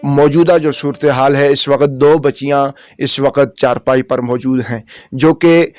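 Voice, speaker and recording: A man's voice: medium pitch, fairly even intonation, unhurried, a little mellow. A man hosting a field report, narrating solemnly in formal speech and appealing to viewers. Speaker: reporter host.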